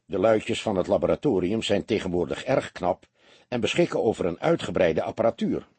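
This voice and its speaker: A husky-voiced man reading the part of a weary, gloomy police detective who explains things in a measured way. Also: deep voice, lively intonation, a little mellow, no echo, full character voice.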